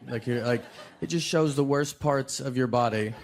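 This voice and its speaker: A man's voice: medium pitch, moderate pace, slight background noise. Laid-back man in his forties, stand-up. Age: 40s. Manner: laid-back, understated storytelling with many "like" fillers. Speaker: stand-up comedian. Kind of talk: stand-up routine.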